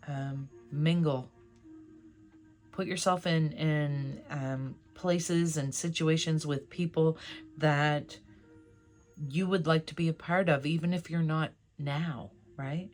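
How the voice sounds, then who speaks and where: A tarot reader with a slow, unhurried delivery and a mid-range pitch talks casually to viewers. The manner is encouraging and affirming, like an informal one-to-one card reading. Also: soft background music.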